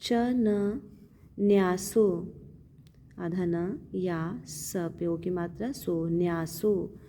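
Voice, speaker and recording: A woman's voice: lowish voice, extremely slow, warm tone, a little hiss or hum. A woman teaching Sanskrit recitation, patiently breaking words into syllables and repeating them. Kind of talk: slow syllable-by-syllable teaching of a hymn.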